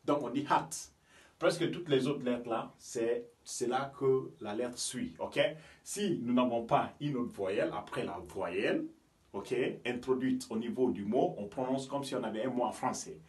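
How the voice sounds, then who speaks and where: A man's voice: medium pitch, unhurried, a little mellow. A man from Guinea teaching English vowels, explaining patiently and often checking with "ok?" and "you understand me?". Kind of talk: bilingual language lesson. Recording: voice from a distance from the mic.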